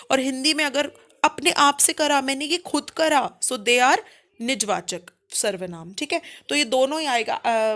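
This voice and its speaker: A young woman with a fairly high voice teaches a grammar lesson. She explains patiently and keeps checking that her listeners follow. She slows right down to spell out each example sentence. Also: a bit bright. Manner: slow, spelled-out English examples. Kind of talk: Hindi-English grammar lesson.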